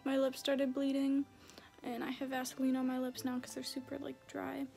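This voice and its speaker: Young woman, high voice, chatty vlog update, kinda rambly with lots of likes, some music behind. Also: completely flat delivery, normal speed, gravelly, darkish tone. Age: young adult. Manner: hesitant, filler-heavy rambling with frequent "like". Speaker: vlogger. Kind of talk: casual video diary update.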